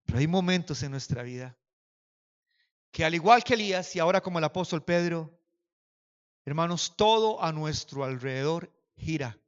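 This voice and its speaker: A man preaching a sermon to a congregation as pastor, swinging from quiet speech to impassioned shouting and calling on listeners to repeat after him and raise their hands. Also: a little high, animated, normal speed, pauses often, long reverb tail, highs cut off. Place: church hall.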